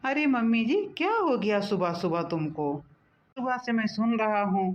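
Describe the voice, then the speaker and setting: A woman's voice: a little high, animated, moderate pace, close to an everyday voice. A woman voicing a young adult son and husband in a cartoon, protesting to his mother. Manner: pleading, protesting. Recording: dull lo-fi recording.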